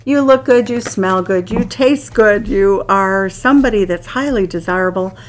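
Filmed by an overhead camera showing only her hands at an indoor card table, an Irish tarot reader turns cards and exclaims enthusiastically over each. She speaks at a moderate pace in a mid-range voice, with a little hiss or hum in the audio.

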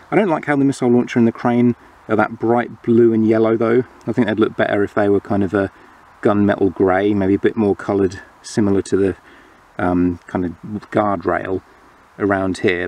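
A man casually narrating a toy playset review, explaining the features in a relaxed way. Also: on the low side, gravelly.

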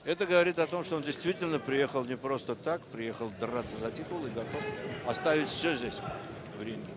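A man's voice: medium pitch, fairly quick. A man giving live boxing commentary for a broadcast. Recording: very loud crowd and arena noise. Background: loud crowd.

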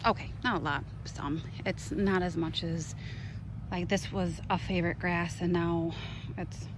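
Her voice sits on the low side, steady in tone and measured in pace, as this Minnesota gardening vlogger gives an impromptu, chatty tour of her garden outdoors, with exclamatory asides along the way. The handheld recording outside is noisy, and the ambient outdoor noise is clear.

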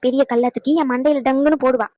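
A woman voicing a sharp-tongued elderly village grandmother in a cartoon, scolding in a quick, fiery way. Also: sits high, fairly even intonation, no echo, lightly acted. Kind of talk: cartoon voice acting.

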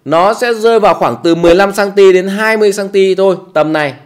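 Brief: male tutorial host, slightly high voice, loose chatty delivery full of fillers, small closed room. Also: quick pace. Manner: chatty, many fillers and repeats, tag words at ends. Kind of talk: casual how-to tutorial.

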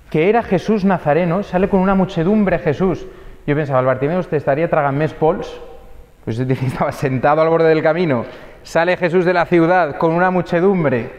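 Priest, lively homily, higher-pitched voice, long church reverb. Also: male voice, dull audio. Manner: lively storytelling, acting out quoted voices. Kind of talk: sermon. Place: church during mass.

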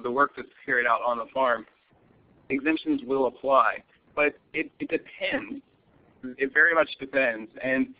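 A man presenting a webinar as a lawyer, answering audience questions cautiously with many fillers and restarts. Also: mid-range voice. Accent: American. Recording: muffled lo-fi webinar audio.

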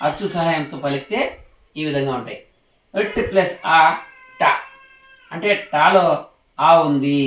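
Male teacher, high-pitched, patient and repetitive, echoey room, distant mic. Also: a bit bright, a little hiss or hum. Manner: slow, patient, repeats and asks learners to follow. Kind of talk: classroom lesson.

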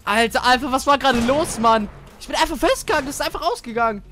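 A man giving casual gaming commentary, excitable and chatty as he plays with a teammate. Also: extremely high pitch, quick pace, a little hiss or hum. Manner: excitable, swears casually, talks to teammate while playing. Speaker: gamer.

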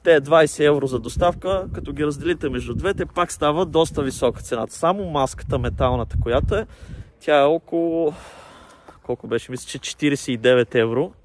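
A young man talking through a face mask as he casually reviews gear, explaining things plainly with pauses and fillers. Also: a little high, slight background noise.

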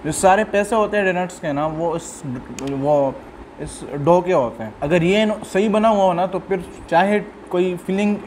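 A man chats casually while chewing, his mouth full of donut, muffling his relaxed review. His voice sits a little high for a man. A faint fan hum runs behind him indoors. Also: normal speed. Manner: chatty, relaxed commentary. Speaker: food vlogger. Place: indoor room with a fan running.

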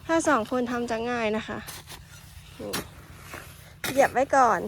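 A woman farmer with a fairly high voice explains, at a measured pace, how she prepares a planting field, going step by step in a casual, polite way and adding soft particles. It's casual instructional talk recorded over a noisy background as she demonstrates the field work.

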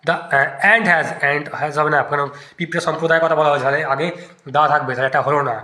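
Bright-voiced teacher working through answers. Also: male voice, on the high side, fairly even intonation, fast. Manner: thinks aloud, testing each option in turn. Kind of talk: exam-prep lesson explaining grammar answers. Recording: echoey room.

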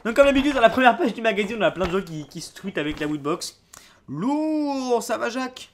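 A young man talks through an unboxing in a casual, excitable way. His pitch jumps around a lot as he reacts to each item, and he keeps breaking into exclamations. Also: fast talker, a crowd in the background. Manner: excitable, exclaims and laughs at items. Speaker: YouTuber unboxing a subscription box.

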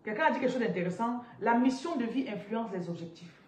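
A woman in her thirties, a spiritual business coach, teaching on a live stream in an animated, interactive way and reading out viewers' comments from a chair indoors. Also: a little high, quick pace. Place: indoors, seated on a large ornate chair. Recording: roomy echo, somewhat distant from mic, faint noise.

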